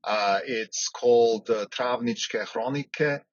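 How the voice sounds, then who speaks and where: Speaking slowly in a mid-range voice, a Swiss-raised podcast host muses aloud on his own show, often using fillers and starting sentences over. There's no room sound, though the lo-fi audio is dull and carries faint background noise.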